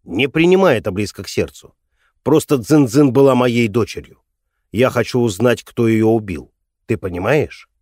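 A man's voice: mid-range voice, animated, moderate pace, a little mellow, no room sound, natural voice. Man playing a troubled middle-aged father, hesitant, careful, pleading, audiobook, dry sound. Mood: weary.

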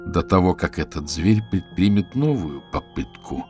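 Gravelly low-voiced male narrator. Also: lively intonation, normal speed, music in the background. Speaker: audiobook narrator. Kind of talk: scripted narration.

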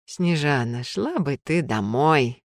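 A woman's voice: fairly low pitch, sing-song, moderate pace, no room sound, studio quality. A woman reading a story, voicing an elderly female museum keeper who speaks in a stately, commanding way.

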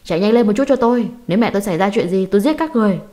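A woman's voice: medium pitch, steady tone, a little fast, darkish tone, pitched above the performer's own voice, natural voice. A woman doing a desperate, furious young son.

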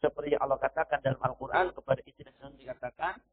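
This sermon comes from a man with a medium-pitched voice who talks fast. He punctuates his points with a recurring "ya" and recites Arabic verses, all captured on tinny audio that sounds like a phone.

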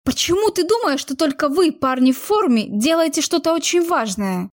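A woman's voice: high voice, lively intonation, normal speed, no echo, clean studio sound, pitched above the performer's own voice. A woman voicing a young woman in a heated argument with her partner, defensive and emotional. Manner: heated, pleading outbursts.

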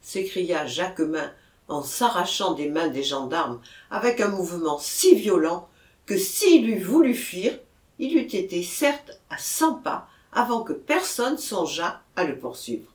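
A reader narrating a classic novel in a slow, expressive storytelling manner. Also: medium pitch. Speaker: audiobook reader. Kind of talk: literary audiobook narration. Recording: roomy echo.

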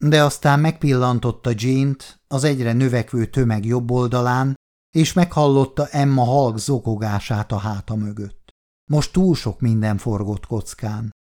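This clip features a man's scripted audiobook narration. His voice sits at a medium pitch, and he reads at a steady, measured pace.

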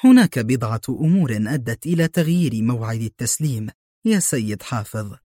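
Male reader plays a ruthless woman spy for an audiobook: sharp, mocking, lively, dry. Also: medium pitch, a little fast, no echo, lightly acted. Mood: cold. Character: cold cunning female spy, fierce, scornful.

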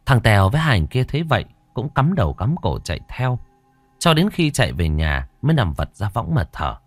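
Man, ghost story narrator, lively pitch, dry close recording. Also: brisk, no echo, soft background music.

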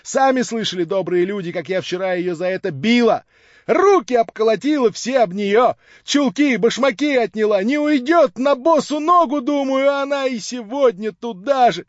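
A man's voice: very high voice, animated, moderate pace, dry recording, pitched above the performer's own voice. A man voicing a cruel, drunken middle-aged landlady who scolds and screeches. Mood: ranting. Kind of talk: audiobook character voice. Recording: slightly dull lo-fi audio.

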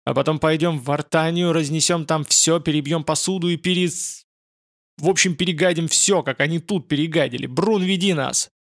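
A man voicing a loud, fiery male crowd leader who rouses the mob. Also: on the high side, normal speed, no room sound, studio quality, natural voice. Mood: rousing. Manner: shouting, fiery.

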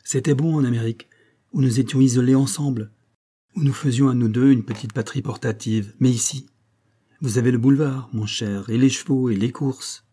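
Man voicing a self-assured, teasing young wife in a storybook; warm, husky tone, brisk and a little mocking. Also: medium pitch, steady tone, close to an everyday voice.

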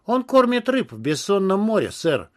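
A man's voice: high-pitched, very animated, normal speed, pitched above the performer's own voice. A man voicing a stooped, nervous young male henchman who mumbles deferentially.

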